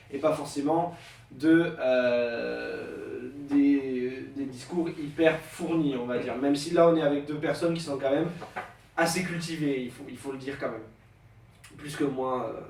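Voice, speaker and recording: A young man hosts a casual podcast, sounding hesitant, full of fillers and restarts, and stuffy from a head cold. His medium-pitched voice has a darkish tone. The mic sits at a distance in an echoey room with faint noise.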